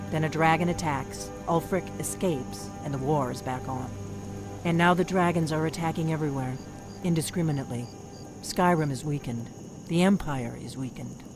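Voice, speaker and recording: A woman voices a game character, a secretive middle-aged veteran of an old order of guards. Her video game dialogue is blunt and conspiratorial, delivered low and intense over game music.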